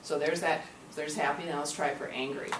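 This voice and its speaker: A woman's voice: low-pitched, little pitch movement, a little fast, noisy background. A woman leading an interactive workshop, often checking understanding with "okay?", recorded from a distant camcorder in a classroom. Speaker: workshop presenter. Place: classroom or meeting room. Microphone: far camcorder. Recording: echoey room from a distant camcorder.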